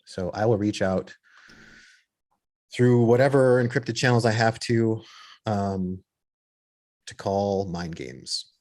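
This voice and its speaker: A man playing a tabletop roleplaying game, improvising in a hesitant, halting and wordy way. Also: lowish voice, a little mellow.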